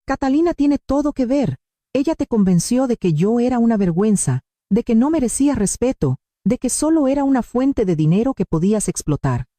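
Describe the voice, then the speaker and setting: A woman narrating a dramatic story in the first person, steady and emphatic. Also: a little high, a little fast, no echo, studio quality.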